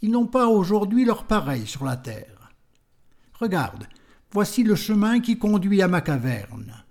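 A man's voice: high voice, a little mellow, exaggerated voice. Man reading solemn prophet Zarathustra. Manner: solemn, declamatory, rising to anger. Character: solitary male prophet, stern yet kindly.

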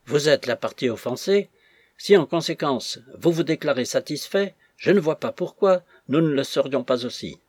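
A man voicing a blunt, gruff army captain who speaks firmly and commandingly. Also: fairly high pitch, expressive, normal speed, no room sound, studio quality. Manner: firm, commanding.

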